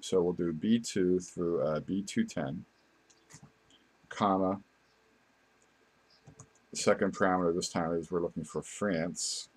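A man with a low-pitched voice teaches software on screen. He talks through each step in an informal, unscripted way. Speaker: software tutorial instructor. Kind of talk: step-by-step screen tutorial narration.

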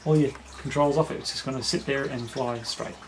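A man's voice: medium pitch, steady tone, a little fast, slight background noise. A man chatting casually, with crude, matey, slangy joking. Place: indoors in a cluttered home dining room. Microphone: handheld camera microphone.

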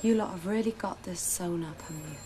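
A woman's voice: lowish voice, brisk, very noisy, close to an everyday voice. An actress with a British accent playing a blunt, sarcastic young mother who distrusts officials, in a television drama. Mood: wounded, bitter. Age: young adult. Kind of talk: naturalistic television drama acting. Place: small offices indoors.

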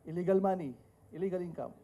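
Middle-aged Filipino man, panel speaker, high and soft-toned voice, joking lecture manner. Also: fast. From Philippines. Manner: joking asides and rhetorical questions. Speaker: tax lawyer speaking on a panel. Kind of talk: lecture to an audience, mixing Tagalog and English.

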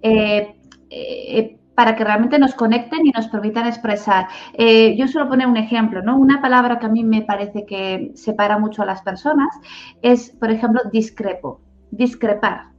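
A woman's voice: fairly high pitch, normal speed. A woman from Spain working as a family counselor, answering interview questions in a reflective way, with many "eh" fillers and "¿no?" tags. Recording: slightly dull lo-fi audio.

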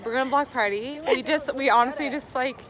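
High-voiced young woman, halting tipsy party chatter. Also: a bit bright. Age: young adult. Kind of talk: casual chat on camera. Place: city street outdoors. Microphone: phone at arm's length. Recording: busy crowd outdoors.

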